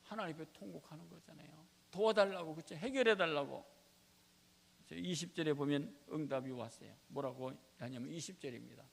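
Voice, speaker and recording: Gravelly-voiced pastor preaching in a church. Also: male voice, a little high, fairly quick. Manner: emphatic, asks the congregation rhetorical questions. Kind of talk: sermon. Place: church sanctuary. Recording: reverberant church sanctuary.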